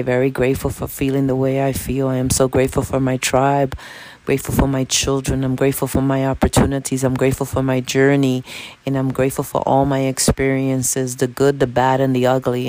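A woman in her late fifties, born in the Dominican Republic and raised in Washington Heights, New York City, speaks with a New York accent. She is a spiritual self-help vlogger giving an informal motivational talk in emphatic, repeated short phrases. Her voice is rumbling low, dark and brisk, delivered completely flat, and the recording is rough.

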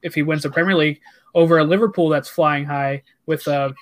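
Guy with a high voice chatting football, rattling off fixtures. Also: fairly even intonation, brisk. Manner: chatty, reads out lists of fixtures and scorers. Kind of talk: casual sports chat.

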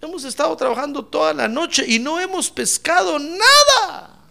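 A man's voice: very high-pitched, animated, normal speed, creaky, pushed and bright, pitched above the performer's own voice, exaggerated voice. A man acting out a tired fisherman who complains that he has worked all night and caught nothing. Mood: weary pleading. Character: weary grown male fisherman, complaining.

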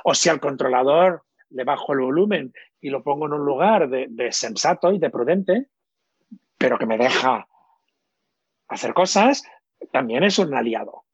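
A man's voice: medium pitch, lively intonation, normal speed, breathy edge, dry recording. A man, a coach who explains his methods thoughtfully in an interview and often hesitates mid-sentence. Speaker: coach and trainer. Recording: dull, lo-fi, dry.

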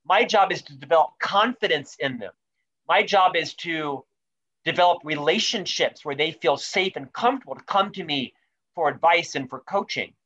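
A leadership author in his fifties answers interview questions in an animated way, speaking emphatically and enunciating carefully while stacking up lists of questions and points. His voice is a little high with a sharp tone at normal speed, and the recording's highs are cut off.

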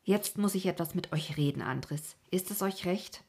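A woman's voice: lowish voice, normal speed, husky. A woman reading a kind, persuasive colonel's wife. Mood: gentle. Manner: calm, soothing persuasion.

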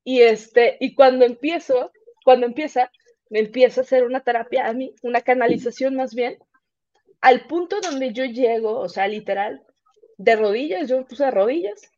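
A woman's voice: on the high side, moderate pace, no room sound, lo-fi sound. A woman with a Mexican accent, a podcast guest chatting casually and telling stories, acting out what people said. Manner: animated storyteller, acts out quoted speech. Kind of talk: casual chat.

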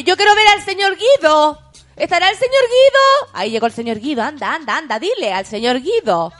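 Chatty high-voiced Chilean woman host. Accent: Chilean Spanish. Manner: chatty, giggly, theatrical. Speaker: morning radio host. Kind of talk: casual chat and news reading.

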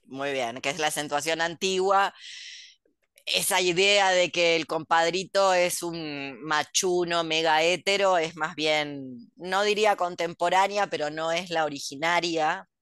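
A woman's voice: fairly low pitch, unhurried, a bit bright, smooth, no echo, studio quality. A middle-aged Argentine woman in casual chat, gossipy and ironic, often trailing off into asides. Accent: Argentine Rioplatense Spanish. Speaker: podcast co-host.

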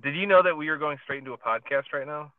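A man's voice: on the high side, fast, dry recording. A man co-hosting a podcast from his parked car, chatting casually and rambling with lots of fillers and restarts. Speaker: podcast co-host. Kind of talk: casual chat. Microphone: phone over a podcast app. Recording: tinny phone-line sound.

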